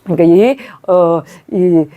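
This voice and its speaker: A woman's voice: lowish voice, takes it slowly, mellow, dull audio. A woman preacher delivering a sermon, telling stories with frequent fillers and hesitant restarts.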